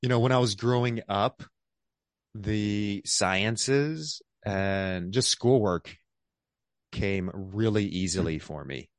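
A physician in his thirties, born in South Korea and raised across the United States, answers questions as a guest in a casual interview. His very low, deep voice moves slowly and easygoingly, rambling with plenty of "um" and "you know." The recording is close and dry with no room sound.

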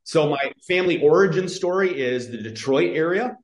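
A podcast guest from northern Michigan, a public health entrepreneur, tells stories in a casual interview, full of fillers and restarts. His fairly high voice is expressive and moves at a normal pace, with a roomy sound.

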